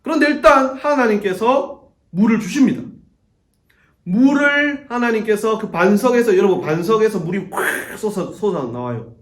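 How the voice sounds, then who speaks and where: A man preaching to a youth group in a church sanctuary. His voice sits high and moves through a wide, lively range as he tells the story. The sound rings around the room with a clear echo. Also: normal speed. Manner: animated storytelling, acts out quoted voices. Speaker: youth pastor. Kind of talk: sermon to teenagers.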